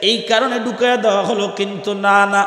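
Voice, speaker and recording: A man preaches a waz sermon in a high, sing-song chant. His bright voice climbs into shouts toward the crowd. Long reverb from a large hall trails every phrase. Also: flat delivery, fast talker.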